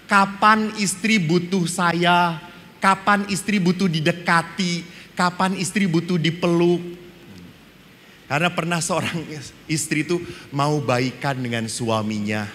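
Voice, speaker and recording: A middle-aged priest speaks to a seminar audience with a bright, forceful voice pitched a little high. He tells his stories with lively humor and acts out the voices in them. The sound carries a long reverb from the hall, with faint background noise. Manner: animated storytelling, acting out quoted dialogue.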